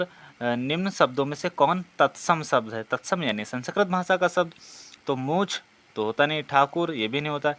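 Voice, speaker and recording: A man with a medium-pitched, slightly bright voice leads an exam practice lesson. He reads questions aloud and explains the answers didactically, often posing a question and then answering it himself.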